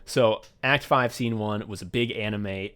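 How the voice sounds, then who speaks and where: A man's voice: fairly low pitch, a little slow, a bit bright, clean tone. A man co-hosting a casual podcast, swearing freely and telling stories emphatically, acting out bits of conversation as he goes. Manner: profane, effusive, emphatic storytelling; acts out remembered exchanges in dialogue. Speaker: podcast host and audio play writer. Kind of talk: casual podcast chat, retrospective.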